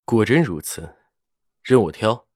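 A woman's voice: expressive, unhurried, a little mellow, dry recording, clean studio sound, exaggerated voice. A woman doing a flippant, reckless young master. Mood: careless, flippant. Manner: flippant, curt, low and careless. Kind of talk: audiobook character voicing.

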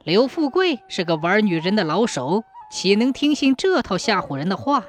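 A woman telling a folk tale in an expressive storytelling manner. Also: medium pitch, moderate pace. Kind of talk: storytelling narration. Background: faint music.

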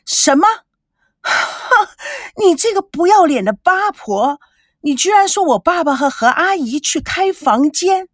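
A woman's voice: high voice, sing-song, moderate pace, no echo, clean studio sound. A woman voicing a spoiled, angry young woman who scolds and interrogates sharply in an audiobook. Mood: outraged. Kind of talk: audiobook character reading.

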